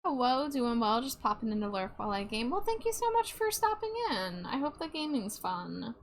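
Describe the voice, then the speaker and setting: A woman hosting a casual art livestream, chatting with viewers in an expressive, welcoming way. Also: a little high, moderate pace. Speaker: streamer, host of an art livestream. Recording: music behind the voice. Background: music.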